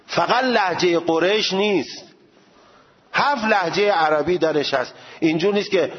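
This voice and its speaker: Male religious studies teacher, high voice, lively rhetorical lecturing, dull lo-fi sound. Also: big-room sound. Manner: animated, rhetorical questions. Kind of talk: seminary lecture.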